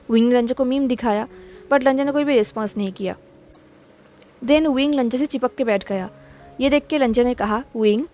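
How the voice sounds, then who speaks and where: A woman with a slightly high voice reads fan fiction aloud as storytelling narration. She keeps an even pace and doesn't use separate voices for the characters.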